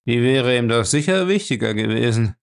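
A man's voice: mid-range voice, animated, moderate pace, creaky. A man voicing a whiny, defiant and cowardly man in an audiobook, sulky and complaining. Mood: sulky whining.

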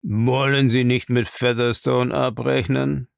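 Man reading a gruff old castle lord. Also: medium pitch, flat delivery, slow, dry recording, clean studio sound. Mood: curt. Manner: grumbling, curt.

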